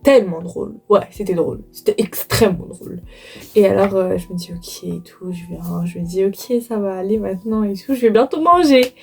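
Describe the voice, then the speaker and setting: Young female storytime vlogger, average pitch, casual and slangy, dramatic emphatic repetition, music underneath. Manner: expressive, dramatic, repeats phrases for emphasis. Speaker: vlogger telling a personal story.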